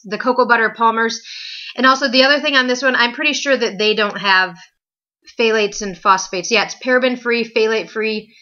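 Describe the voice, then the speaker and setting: Bright chatty woman vlogging from home. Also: on the high side, highs cut off. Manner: chatty, filler-heavy, upbeat. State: pregnant. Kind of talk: casual chat to camera.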